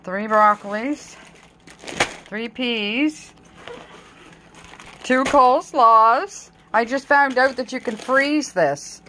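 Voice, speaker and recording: Her voice runs on the high side, pushed and bright, slow and broken by long pauses, as this middle-aged woman casually lists groceries in short phrases for a home vlog. She sits at a table at home with a handheld phone, and slight hiss or hum is audible.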